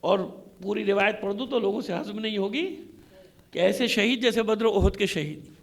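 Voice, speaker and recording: A Shia preacher from Pakistan, a man with a high, gravelly voice, delivers an impassioned sermon at a moderate pace and a steady tone. Speaking to a gathering in a congregation hall, he is emphatic and repetitive, posing rhetorical questions.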